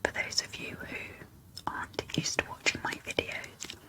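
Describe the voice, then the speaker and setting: A woman doing a whispered role-play in a soft, unvoiced ASMR whisper, speaking slowly and deliberately. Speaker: ASMR video creator.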